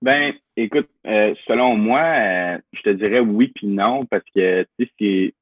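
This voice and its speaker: A man's voice: on the low side, measured pace, breathy edge, no room sound. A 19-year-old man speaking as a panelist, casual and hedging as he thinks aloud. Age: young adult, 19. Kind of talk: panel discussion. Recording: tinny phone-like line, dry.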